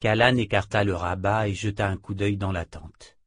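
A man reads a fantasy novel aloud in a calm, measured voice. The recording is close and dry, with no echo at all. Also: lowish voice. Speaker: audiobook narrator. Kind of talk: scripted fantasy audiobook narration.

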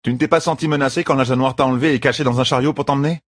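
Man voicing a woman bodyguard, storybook, blunt, mocking, husky, dry. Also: mid-range voice, steady tone, very fast, no room sound, voice pushed up, lightly acted.

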